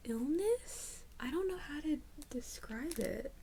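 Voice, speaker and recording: A young woman in an ASMR role-play as a librarian, speaking in a soft, halting soft voice. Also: high-pitched, animated, creaky, slight background noise. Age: young adult. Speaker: ASMR creator playing a librarian.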